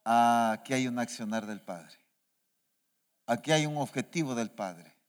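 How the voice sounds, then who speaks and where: A man preaching a sermon as an apostle, animated and questioning the congregation again and again. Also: mid-range voice, measured pace. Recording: reverberant church hall.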